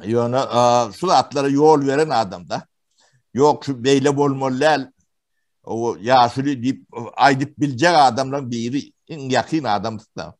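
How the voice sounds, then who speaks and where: A man from Turkmenistan giving testimony in an interview, talking haltingly with many pauses and fillers. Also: mid-range voice. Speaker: witness interviewee.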